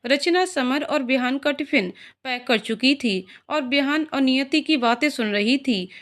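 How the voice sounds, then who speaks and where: A woman narrating a scripted emotional story in a calm, even storytelling manner. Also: high-pitched, a little slow.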